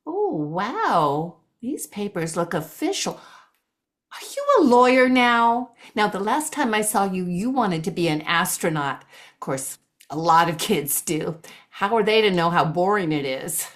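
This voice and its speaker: A woman's voice: mid-range voice, big pitch swings, a little slow. A woman playing a chatty, meddling Tooth Fairy in an improvised comic scene, over a video call. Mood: nosy chatty. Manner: chatty, gossipy, nosy.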